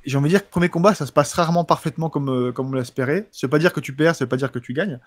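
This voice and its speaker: Male, quick casual livestream talker, slight lisp with sh-like s, slangy sports chat with repeated words. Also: fairly high pitch, dry recording. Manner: slight lisp, slushy sh-like s sounds. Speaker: professional MMA fighter answering viewer questions.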